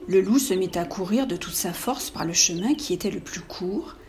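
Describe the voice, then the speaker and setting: A woman reading a classic fairy tale aloud in a clear, measured, expressive way. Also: medium pitch, a little hiss or hum. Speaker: storyteller.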